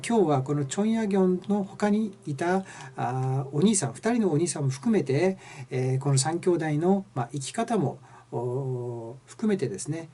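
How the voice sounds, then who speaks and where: A man hosting a history channel, explaining in a halting lecture style full of drawn-out fillers. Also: fairly high pitch, mellow, husky. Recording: dull lo-fi sound.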